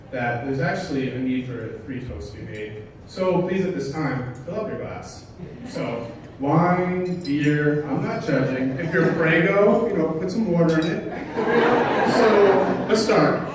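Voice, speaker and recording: A man giving an informal, humorous best man speech at a wedding, joking along in a halting way and often correcting himself. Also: fairly high pitch. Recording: distant, very echoey, noisy room recording.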